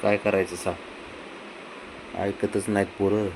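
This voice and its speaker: A young man, coaxing and sweet-talking his pet cat at home, repeating himself softly. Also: lowish voice, little pitch movement, a little slow, background noise. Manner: coaxing, repetitive, soft-spoken with a pet. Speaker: cat owner. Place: home, indoors.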